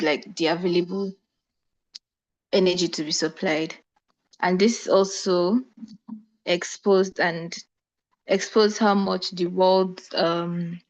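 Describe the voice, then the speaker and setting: A woman's voice: lowish voice, dull audio. A woman from Nigeria gives a group presentation in an online class. She explains steadily and corrects herself now and then, heard through screen-recorded video call audio. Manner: steady explanatory delivery with brief self-corrections. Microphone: computer microphone on a video call.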